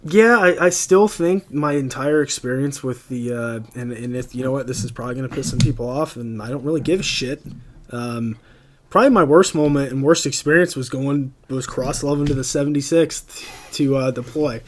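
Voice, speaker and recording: A man's voice: medium pitch, moderate pace, slight background noise. A man in his thirties, a podcast guest telling army stories in a blunt, profane, casual way. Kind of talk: casual storytelling.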